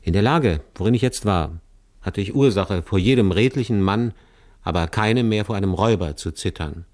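A man with a low voice reads a literary tale aloud in the first person, measured and serious. The sound is dry and close, with no room echo. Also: a little mellow. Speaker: audiobook narrator. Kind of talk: scripted literary narration.

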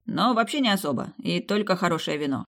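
A cocky, charming young prince in an audiobook, talking briskly and never losing his cool, as a woman narrator puts him on. His voice sits noticeably higher and louder than the narration around him, firm and sure of itself. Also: lively intonation, creaky, exaggerated voice. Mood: breezy. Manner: brisk, self-assured, evasive. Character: young man, confident charming prince in disguise.

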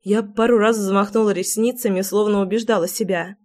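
A woman's voice: medium pitch, fairly even intonation, a little fast, darkish tone. Woman reading a dramatic audiobook. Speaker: audiobook narrator. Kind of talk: scripted first-person audiobook narration.

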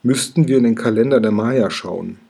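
A man voicing a small, very learned male dragon who speaks calmly and precisely, with a dark, breathy voice. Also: medium pitch, moderate pace.

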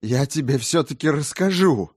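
A man voicing an excitable male collector who pleads feverishly and rises toward shouting. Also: medium pitch, normal speed, dry recording, studio quality, close to an everyday voice. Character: excitable, rambling male collector, wild-eyed.

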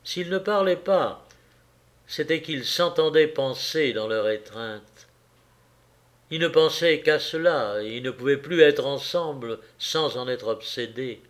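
A man reading a classic novel aloud in a measured, solemn manner with long pauses. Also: a little high. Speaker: audiobook reader. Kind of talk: literary narration.

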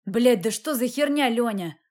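A woman's voice: fairly high pitch, lively intonation, normal speed, lightly acted. A woman voicing a hot-tempered jealous husband. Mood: angry. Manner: shouting, pushy.

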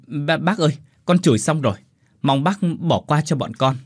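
A man's voice: on the high side, moderate pace, slightly rough, dry recording, clean studio sound, pitched above the performer's own voice. A man voicing a shy young woman who stammers out apologies in a story reading. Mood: pleading. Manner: stammering, pleading.

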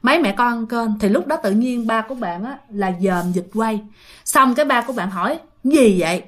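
A woman's voice: on the high side, brisk. A woman with a Southern Vietnamese accent, casually retelling ghost stories sent in by listeners, full of chatty fillers. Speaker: ghost story narrator.

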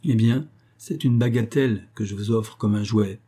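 A man voicing a smooth, possessive male king of the underworld who coaxes and boasts, in a storybook reading. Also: on the low side, moderate pace, mellow. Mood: coaxing. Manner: coaxing, boastful, persuasive.

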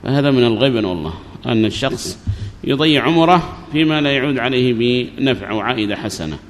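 A man's voice: medium pitch, lively intonation, fast talker. Man, grammar lesson, repeats himself, quizzes students, reverberant hall, faint hum. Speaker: teacher of Arabic grammar. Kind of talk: classroom lesson. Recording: long reverb, faint background noise.

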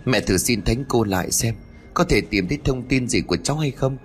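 A man voicing a frantic young mother who calls out urgently, half-shouting. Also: mid-range voice, lively intonation, fairly quick, faint music behind, natural voice. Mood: soothing. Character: frantic young mother searching for her son.

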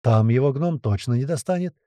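Lively male audiobook narrator. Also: mid-range voice, brisk, dry recording, studio quality. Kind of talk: scripted narration.

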